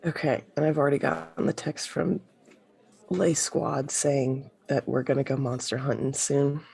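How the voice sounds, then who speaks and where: A man with a gravelly, husky voice rambling his way through a tabletop role-play. He laughs often and stumbles playfully over awkward moments. His pitch sits in the middle range. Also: level tone, normal speed, darkish tone. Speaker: player.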